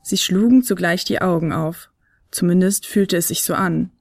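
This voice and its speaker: A woman narrating a children's advent story in a clear, steady storytelling voice. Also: lowish voice, normal speed, no echo, studio quality, soft background music.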